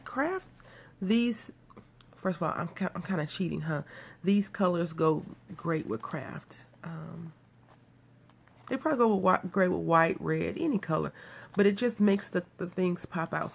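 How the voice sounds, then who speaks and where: A Texas woman with a fairly low, creaky voice sounds nasal from a cold as she hosts a casual card-making video. She chats, rambles and pokes fun at herself while walking through the craft, with a little hiss or hum audible.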